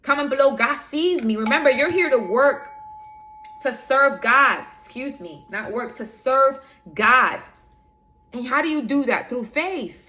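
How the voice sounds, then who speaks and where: Her voice sits high, sounding animated, pushed and bright, yet she speaks unhurriedly. As a spiritual reader talking straight to camera, she preaches, rambles and loses her notes in the middle of the reading.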